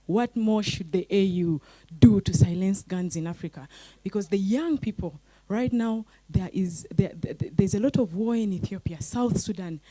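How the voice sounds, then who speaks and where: A woman's voice: mid-range voice, dark tone, breathy edge. A woman at a youth panel discussion, putting pressing, rhetorical questions with restarts. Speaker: youth forum participant.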